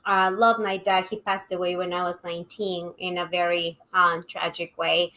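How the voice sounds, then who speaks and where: A woman's voice: fairly low pitch, flat delivery, moderate pace, pushed and bright, poor audio. A woman from Ecuador, a guest on a live interview, earnestly telling her family story with a few fillers. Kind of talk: candid personal storytelling.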